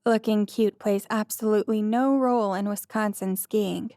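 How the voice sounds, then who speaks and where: A woman's voice: medium pitch, steady tone, normal speed, mellow, dry recording, clean studio sound, natural voice. A woman voicing a modest young woman pleading to avoid flashy ski clothes, in an audiobook. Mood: fretting. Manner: pleading, self-deprecating. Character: awkward modest young woman out of her element.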